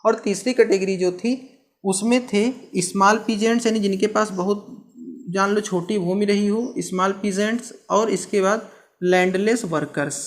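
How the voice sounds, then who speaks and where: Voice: mid-range voice, fairly even intonation, moderate pace. A teacher works through an exam-prep history lesson, posing a question and then answering it. Key terms are explained with homely comparisons, and "theek hai" keeps coming back as a check-in. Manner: asks rhetorical questions and answers them.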